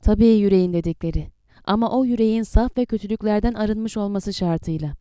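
A woman reading the lines of a weary aging male leader, speaking softly and troubled. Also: medium pitch, a little fast, smooth, no echo, clean studio sound, lightly acted. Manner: soft, troubled.

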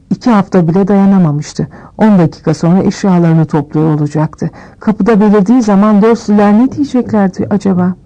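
A woman reading a novel aloud as scripted narration, shifting her pitch a little for each character. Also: dark tone, lo-fi sound. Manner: reads all characters with small pitch shifts. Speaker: audiobook reader.

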